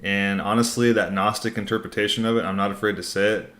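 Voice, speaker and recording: A man's voice: fairly low pitch, steady tone, quick pace, a bit bright, a little hiss or hum. A man hosting a casual livestream Q&A, reading out comments and answering in a laid-back, informal, rambling way. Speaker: livestream host.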